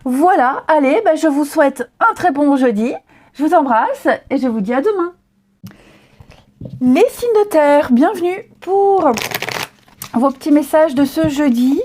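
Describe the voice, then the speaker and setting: Woman tarot reader, high voice with a mellow tone, chatty and reassuring, lots of hesitations. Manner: chatty, reassuring, many fillers and restarts. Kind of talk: casual tarot reading to camera.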